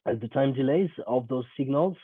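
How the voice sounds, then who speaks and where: A man's voice: medium pitch, fairly quick, breathy edge, no echo. A young man with a cold presents a technical talk, stopping and restarting often with many ums. His voice comes from a screen recording of a video call. It sounds thin and phone-like, and the sound is completely dry. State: has a cold. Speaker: conference presenter.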